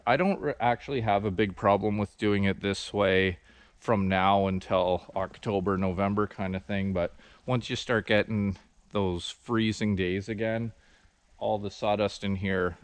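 A man, casually explaining his sawmill setup outdoors in a forest clearing, talking to a camera held at arm's length with plenty of ums. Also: deep voice, no room sound. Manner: relaxed, rambling explanation with many ums. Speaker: sawmill vlogger. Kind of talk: casual walkthrough vlog.

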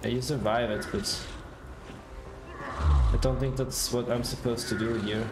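A man's voice: mid-range voice, animated, a little slow. A young man giving casual let's play commentary on a video game. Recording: loud game music behind. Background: video game music.

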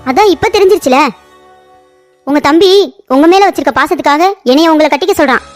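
A woman plays a fiery young woman in a cartoon story, who scolds in a very high voice and rattles off her lines fast. Faint music sits under her. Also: natural voice. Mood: reproachful. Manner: shrill, scolding, insulting. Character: hot-tempered young woman, sharp-tongued girlfriend.

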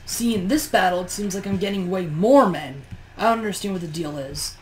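Tired woman, low-ish morning voice, exasperated gameplay commentator, push-to-talk mic. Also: fairly quick, a little mellow, slight background noise, low-quality recording. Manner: grumbling, exasperated, chatty. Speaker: let's play host.

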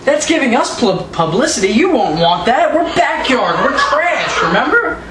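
A high-voiced eighteen-year-old man cutting a backyard wrestling promo, all sarcasm and taunts. He sounds set back from the mic in an echoey room, with steady noise underneath. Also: normal speed. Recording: roomy, distant, noisy home recording.

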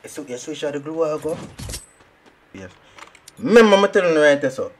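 A young man with a Jamaican accent and a high-pitched voice commentates his own gameplay. He rambles in an excitable, trash-talking way. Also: fairly quick, noisy background. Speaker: gaming streamer.

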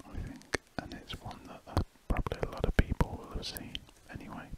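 A man from the United Kingdom whispers breathily as he draws at an indoor desk, narrating in a rambling, hesitant ASMR manner with trailing pauses. The scratch of his pen on paper can be heard behind him.

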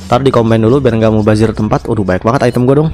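A young man with an Indonesian accent giving casual gameplay commentary into a headset, chatty and often repeating words in quick strings. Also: fairly low pitch, fairly even intonation, warm tone. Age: young adult. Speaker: gaming streamer. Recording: game music behind the voice. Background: video game music.

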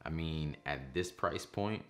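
A man's voice: very deep voice, slow pace, a bit bright. A man in his thirties hosting a home cooking vlog, talking to camera in a kitchen with playful, jokey asides. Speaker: cooking channel host. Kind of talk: casual talk to camera, then voice-over.

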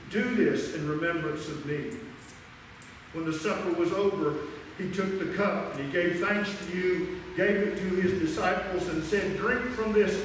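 A high-voiced older man leads church liturgy as a pastor, solemn and measured. His words ring out in a long cathedral echo, picked up from a distance. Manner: solemn, measured, declaiming to a congregation. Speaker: pastor leading a Christmas Eve communion service. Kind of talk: liturgy and prayer led aloud. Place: large church sanctuary, indoors. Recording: echoing cathedral-like church reverb, distant microphone, faint noise.

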